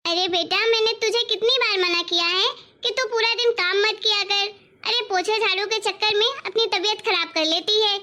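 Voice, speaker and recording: In a family cartoon, a woman voices a doting old mother-in-law who fusses and scolds out of love. The voice is very high and bright, almost girlish, and insistent. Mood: caring scolding. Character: loving elderly mother-in-law, doting and firm. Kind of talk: cartoon story voice acting.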